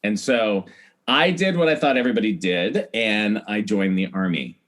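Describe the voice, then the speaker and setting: His voice sits on the low side with a fairly bright tone and a moderate pace. He's a middle-aged American from Iowa, a celebrity hair stylist telling personal stories as a podcast guest, chatty and emphatic, often repeating himself and acting out people's words.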